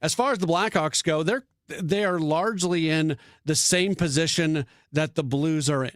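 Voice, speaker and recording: A man's voice: a little high, normal speed, no room sound, clean studio sound. A man hosting sports radio talk, thinking aloud with frequent restarts and fillers.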